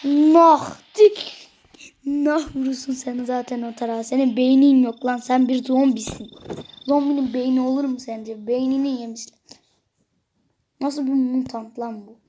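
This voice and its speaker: A gaming video creator giving excitable gameplay commentary, cursing and joking at the game characters. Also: sits high, moderate pace.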